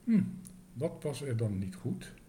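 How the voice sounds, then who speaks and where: A man's voice: mid-range voice, sing-song, unhurried, warm tone, a little hiss or hum. A man voicing a sleepy, fussy hotel desk clerk who speaks in pompous, raised tones.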